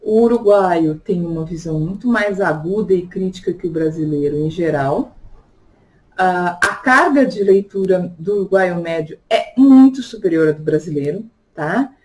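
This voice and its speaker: Speaking at a normal speed in a fairly low, darkish voice with lively intonation, a Brazilian tarot reader chats reflectively with her vlog audience, often throwing in tag questions to check in with them. The recording is rough.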